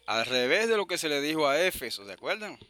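A man teaching a verse-by-verse Bible study to an online congregation, patiently explaining and slowly sounding out Hebrew words. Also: fairly high pitch, sing-song, sharp tone, no room sound, soft background music. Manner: explains patiently, checks in with "¿verdad?"; spells out Hebrew words slowly, stressing syllables.

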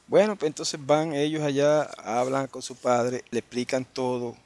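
A male preacher explaining a scripture passage to his congregation in a sermon, often checking in with quick tag questions and restarting phrases, and slowing down to read the verses aloud. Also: mid-range voice, steady tone, darkish tone. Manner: reads scripture aloud in a slower, lifted tone. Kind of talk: Bible study sermon.

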